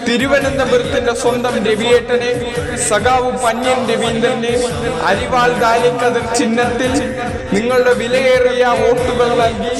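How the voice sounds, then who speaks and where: A man with a very high voice delivers an emphatic campaign appeal, booming out as if over a loudspeaker. His words ring through a long, echoing hall. Loud music and a big crowd sit beneath him. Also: little pitch movement, a little slow. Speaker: campaign announcer. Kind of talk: election campaign announcement.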